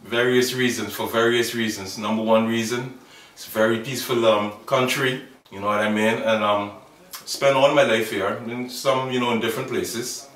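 Outdoors by a wall in a yard, a man in his thirties with a Bahamian accent gives an earnest documentary interview, halting often with fillers and restarted sentences. His medium-pitched voice is fairly even and a bit bright. It's recorded from a distance, echoey and off-mic, through the camera.

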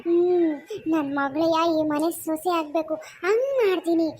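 A vengeful cartoon spirit growls her threats in a low, looming voice. She is a scheming mother with a cold, deliberate delivery. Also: steady tone, a little mellow. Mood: menacing.

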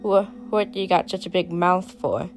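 A woman's voice: fairly low pitch, moderate pace, soft background music, lightly acted. A woman voicing a frightened little boy who stammers his questions. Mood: scared.

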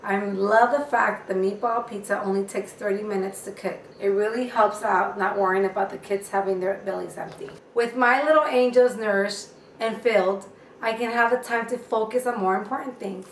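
A woman's voice: mid-range voice, steady tone, moderate pace, reverberant, distant mic, slight background noise, lightly acted, low-quality recording. A woman playing a contented working mom, giving an earnest scripted testimonial in a parody ad. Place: indoor dining room at home.

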